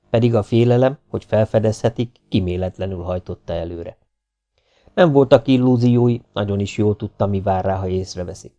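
A man narrating an audiobook in a steady, even storytelling voice. His tone is low and gravelly, with a dark, mellow color. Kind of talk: scripted audiobook reading.

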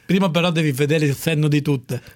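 A man's voice: on the high side, fairly quick, natural voice. An actor playing a comic, boorish know-it-all who gives absurd etiquette lessons in a radio sketch, insistent and stumbling over his words. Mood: pompous, insistent. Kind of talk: improvised radio comedy sketch.

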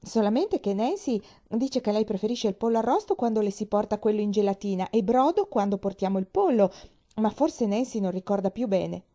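A woman's voice: medium pitch, expressive, a little fast, mellow, highs cut off, lightly acted. A woman voicing a cheerful, chatty little girl in a storybook reading, eager and bubbly.

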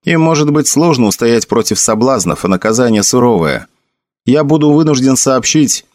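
A man voicing a quiet, stern army officer who speaks curtly and dryly. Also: medium pitch, expressive, moderate pace, dry recording, close to an everyday voice. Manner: dry, curt, commanding.

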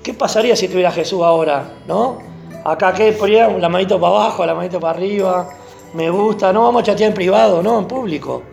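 A man preaching a sermon, animated and repeating phrases for emphasis. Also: high voice, quick pace, gravelly, soft background music.

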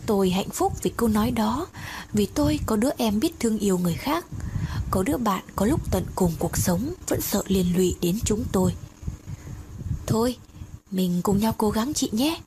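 Woman telling a spooky story in first person, steady voice, constant hiss behind. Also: medium pitch, a little fast. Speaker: narrator. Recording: noisy background hiss.

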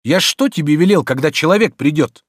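An irritable, idle gentleman scolds his servant in a raised, exasperated voice, as a male narrator acts him out. His pitch swings widely. The recording is dry and close. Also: lively intonation, brisk, husky, no echo.

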